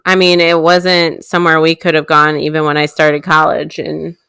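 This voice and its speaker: Bright, crisp-voiced woman chatting casually. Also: low voice, monotone, normal speed, dry recording. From Illinois. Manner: chatty, laughs easily. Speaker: co-host. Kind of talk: casual chat.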